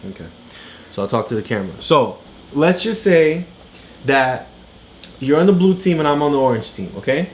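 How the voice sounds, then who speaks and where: With big swings in pitch, frequent pauses and a slightly mellow medium voice at normal speed, a parent tutor patiently explains a book to a child. It's a casual read-along with lots of understanding checks, recorded in an echoey room with slight background noise.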